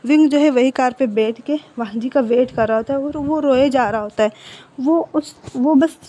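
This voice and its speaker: High-voiced woman retelling a story. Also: moderate pace, mellow. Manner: conversational, with repeats and restarts. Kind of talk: casual retelling of fan fiction.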